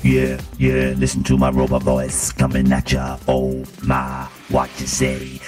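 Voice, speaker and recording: Man on a robot voice effect, pitched down to an extremely deep tone, playful rhyming patter over clear music. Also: monotone, a little slow. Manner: sing-song, rhyming banter. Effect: robot voice filter.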